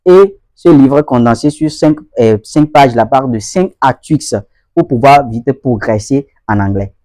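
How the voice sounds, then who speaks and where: A man's voice: mid-range voice, measured pace, dark tone, dry recording. A man hosting a casual video lesson, talking straight to his viewers, repeating points and often checking they follow. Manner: repetitive, addresses viewers directly with frequent checks for understanding. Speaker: host of an English-learning channel.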